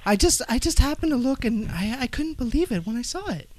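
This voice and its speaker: A man's voice: extremely high pitch, very animated, a little fast, pitched above the performer's own voice. A man putting on a sugary young woman caller. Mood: sweet. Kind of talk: prank call.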